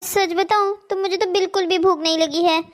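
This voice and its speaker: A woman's voice: extremely high pitch, fairly even intonation, fairly quick. A woman voicing a lazy young mistress in a Hindi cartoon story, sulky and scornful.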